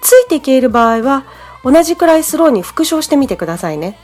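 A woman's voice: sits high, sing-song, quick pace, darkish tone, faint music behind. A woman from Japan hosting a podcast English lesson, explaining in a friendly, chatty way. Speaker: English teacher, podcast host.

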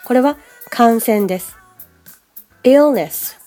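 A woman hosts a podcast English lesson, her voice fairly high and swinging widely in pitch. Her tone stays mellow and soft rather than bright. She mixes casual asides with careful, slow demonstrations of each word's pronunciation, and faint music plays behind her. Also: animated. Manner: explains pronunciation step by step and models English words slowly; chatty asides in casual Japanese. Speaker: English teacher.

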